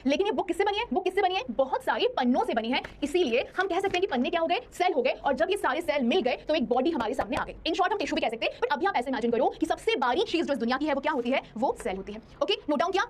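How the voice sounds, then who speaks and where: A young adult woman teaching an online science class in a studio, chatty and playful, keeps asking her students if they follow. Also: high-pitched. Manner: chatty, playful, talks straight to students with many checking questions.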